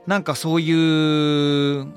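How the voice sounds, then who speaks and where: A man's voice: fairly high pitch, faint music behind. A man from England, co-hosting a podcast English lesson in casual chat, switching between English and Japanese. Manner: lively, quick, mixes English and Japanese. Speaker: English teacher and co-host.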